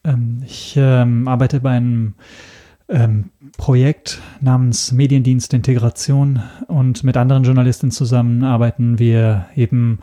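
A man from Italy, a non-native speaker, answers a podcast interview in German with an Italian accent. His mid-range, mellow voice is flat and measured, and he hesitates frequently with lots of ums in this casual talk.

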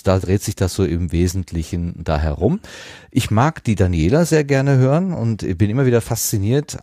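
A man's voice: low-pitched, warm tone, no room sound, clean studio sound. A man hosting a casual podcast chat, talkative, with many fillers and easy laughs. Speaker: podcast host.

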